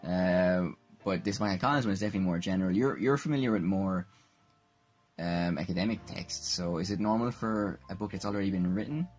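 Very low male co-host, relaxed rambling chat, faint music under him. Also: a little fast. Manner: rambling, jokey, full of fillers and restarts. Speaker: podcast co-host. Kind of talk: casual conversational chat.

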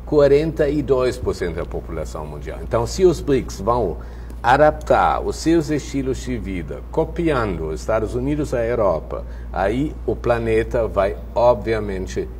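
Panel professor, male, 60s, native German with German accent, lowish pitch, blunt and emphatic. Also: sing-song, moderate pace, a little mellow, slight background noise. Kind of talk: opinionated panel discussion. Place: TV studio panel desk. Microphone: lapel.

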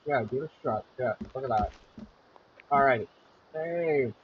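A man streaming a survival game, chatting casually and breaking into excited exclamations and humming. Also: medium pitch, a little slow, muffled recording. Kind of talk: casual gameplay commentary.

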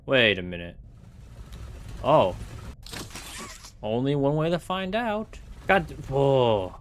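A man's voice: mid-range voice, big pitch swings, takes it slowly, a little hiss or hum. A young man casually talking through a horror game, reading signs aloud and reacting with startled outbursts. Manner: chatty, reacts with startled exclamations. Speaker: gaming channel host. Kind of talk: horror game let's play commentary.

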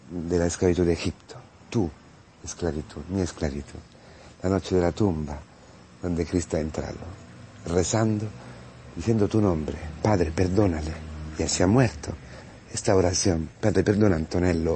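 A man, a priest giving a homily on the day's Gospel, impassioned and repetitive, halting often to restart his phrases. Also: low voice, dark tone, slight background noise. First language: Italian.

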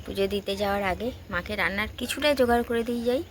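A woman with a West Bengal accent talks to her viewers in a casual, chatty home-vlog style. Her voice sits at a medium pitch, and she often puts questions to the audience. There is faint household noise behind her. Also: very fast. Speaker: home vlogger. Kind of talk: casual chat to viewers while doing household chores. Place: at home, mostly in the kitchen.

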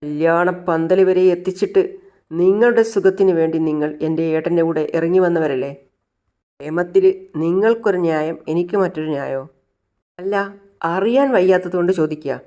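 A defiant young Malayali woman refuses an arranged match with sharp, sarcastic retorts, as a storyteller puts her on. She argues with a cutting edge. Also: mid-range voice, natural voice.

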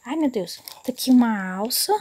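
A woman, chatting excitedly as she unboxes something in a casual home vlog on her phone, often dropping to a murmur. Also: fairly high pitch, moderate pace, background noise. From Northeast Brazil. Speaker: vlogger. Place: indoors, on a bed at home. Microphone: phone camera.

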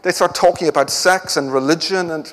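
A man's voice: on the high side, brisk, fairly bright tone, long reverb tail. A man giving an academic conference talk with a wry, joking delivery. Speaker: conference speaker. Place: lecture hall.

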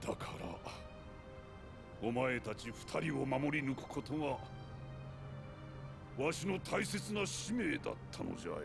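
An actor playing an old king and sworn guardian in a video game, speaking gravely in archaic old-man speech. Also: medium pitch, sing-song, measured pace, long pauses. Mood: solemn, regretful. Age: older. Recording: music playing behind the voice.

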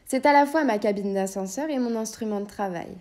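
A woman's voice: fairly high pitch, fairly quick, a little mellow, close to an everyday voice. A woman voicing a fussy, theatrical old bearded magician, in a storybook reading. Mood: explaining. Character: bearded old male magician, pottering and pleased with himself.

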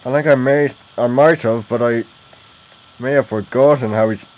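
A man's voice: mid-range voice, moderate pace, a little mellow. A man giving casual gameplay commentary, rambling and thinking aloud as he plays. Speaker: gamer narrating his own play. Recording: noisy game audio behind voice.

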